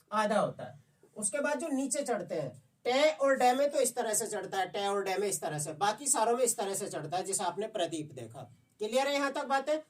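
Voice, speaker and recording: A woman teacher with a slightly high voice explains a lesson to children at a patient pace. She keeps stopping to check that her students are following. Her voice sounds a little distant from the microphone. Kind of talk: classroom lesson.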